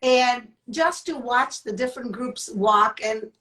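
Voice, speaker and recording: A woman's voice: fairly high pitch, takes it slowly, sharp tone, low-quality recording. A woman co-hosting a casual live-streamed chat, talking in a chatty way with restarts and laughter. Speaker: co-host of a live talk show. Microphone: phone.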